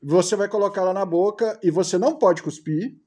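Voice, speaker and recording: A man presenting a candy challenge casually as host of an outdoor vlog, with a husky voice. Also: high voice, fairly quick, warm tone. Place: outdoors at a house patio.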